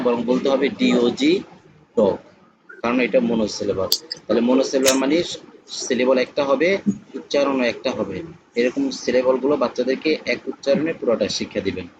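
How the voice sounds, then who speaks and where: A man teaching a classroom lesson, explaining slowly and repeating each point. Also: medium pitch, dull audio, background noise. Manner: slow, repetitive explaining.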